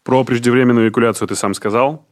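A man's voice: medium pitch, fairly even intonation, fast. A man in his late twenties hosting a casual podcast interview, asking curious, probing questions with a joking touch. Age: late 20s. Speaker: podcast host.

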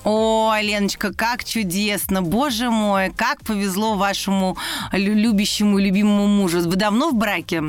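A woman's voice: medium pitch, fairly even intonation, normal speed. A woman hosting a radio show, chatting with callers in an effusive, affectionate, gushing way.

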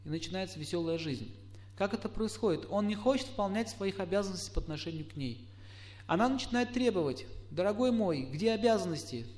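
A middle-aged man giving a lecture, putting questions to his listeners and acting out quoted spouses in lively asides. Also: high-pitched, fairly quick. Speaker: astrologer lecturer. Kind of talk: lecture to a live audience.

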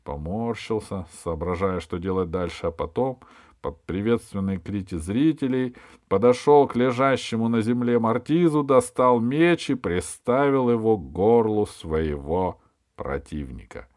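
A man's voice: on the low side, a little slow, a little mellow, no echo, clean studio sound. Man reading a children's audiobook. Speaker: audiobook narrator. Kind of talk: scripted narration.

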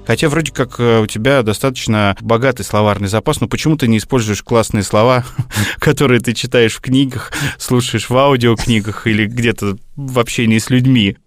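A podcast co-host, a man with a medium-pitched, brisk voice, tells things casually in a hesitant, digressive way packed with fillers. It's conversational storytelling, recorded dry.

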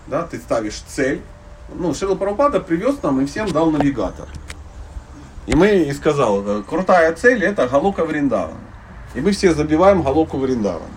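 A spiritual teacher from Dnipropetrovsk, Ukraine, gives an informal religious lecture to a listening group, taking audience questions. His slightly high voice has very lively intonation, and he talks bluntly and conversationally in slangy terms, teaching through humorous allegories. The microphone is some distance away, with faint background noise.

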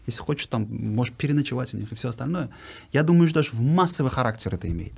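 A man's voice: mid-range voice, animated, very fast, vocal fry, breathy edge. Earnest man. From Uzbekistan. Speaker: guest giving his views. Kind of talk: conversational interview talk.

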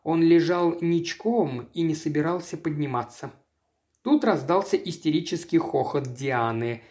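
Audiobook reader, steady scripted narration, middle-range voice. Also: mid-range voice, a little slow.

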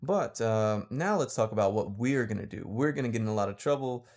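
A man's voice: medium pitch, expressive, a little fast, darkish tone. A man hosting a casual podcast, explaining things for listeners and laughing often. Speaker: podcast host and teacher.

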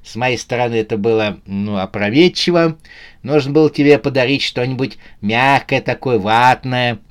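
A man's voice: mid-range voice, moderate pace, smooth, natural voice. A man doing Terrible Susanna, a bossy ringleader. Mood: sly. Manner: commanding, shouts orders.

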